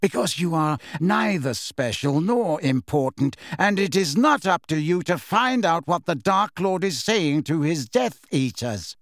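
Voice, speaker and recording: A man voicing a cold, sneering middle-aged male potions master who talks in a slow, low, menacing drawl. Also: sing-song, no echo, studio quality, heavily acted. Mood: sneering menace.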